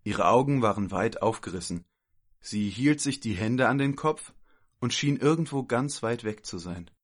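A man calmly reading a children's story aloud as narrator. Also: mid-range voice, moderate pace.

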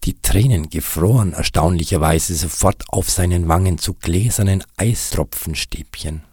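A man narrating a storybook in a calm, even storytelling manner. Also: low-pitched, moderate pace, breathy edge, dry recording, studio quality.

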